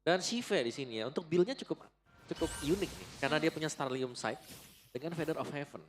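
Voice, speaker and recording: A man's voice: on the high side, animated, a little fast, a little hiss or hum. A man working as an esports caster, analytically explaining builds and the state of a match. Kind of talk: esports caster analysis of items and game tempo. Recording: music behind the voice. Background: music.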